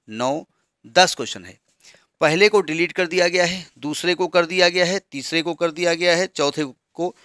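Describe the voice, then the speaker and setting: A man teaches maths in a bright, fairly high voice. He counts steadily through question numbers and keeps checking that his students follow. The sound is close and dry, with no room echo. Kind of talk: classroom lesson explaining textbook changes.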